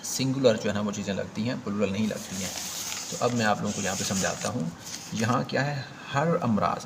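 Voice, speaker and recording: A man's voice: mid-range voice, slight background noise. A man with a Pakistani accent teaching an exam prep grammar lesson, explaining step by step and repeating key points with emphasis.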